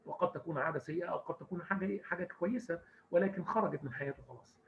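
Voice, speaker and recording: Egyptian male English teacher, higher voice, lo-fi recording with faint hiss, walks students through rules step by step. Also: rapid-fire, vocal fry. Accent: Egyptian Arabic. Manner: explains step by step, stresses words carefully. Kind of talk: grammar lesson in Arabic mixing English.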